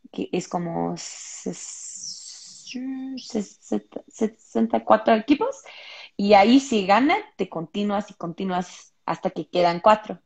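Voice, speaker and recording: Young woman footballer, from Los Angeles, low voice, video-call interview guest, thoughtful and halting. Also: vocal fry. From Los Angeles, United States. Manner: thoughtful, many fillers and restarts. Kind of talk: casual interview answers. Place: home room, indoors. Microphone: earbuds on a video call. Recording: muffled video call audio.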